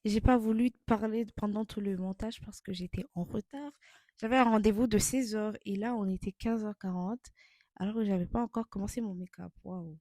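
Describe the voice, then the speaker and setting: A woman's voice: medium pitch, steady tone, normal speed, dark tone, no room sound. A young woman from Burundi narrating a vlog in voice-over, candid and self-mocking with loose slang. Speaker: vlogger.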